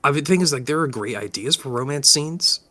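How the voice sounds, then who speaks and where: A man with a bright, forceful voice chats with friends on a podcast. His talk is loose and joking, full of little fillers. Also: mid-range voice, a little fast. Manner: animated, joking, hesitant fillers. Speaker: podcast co-host. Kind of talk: casual chat.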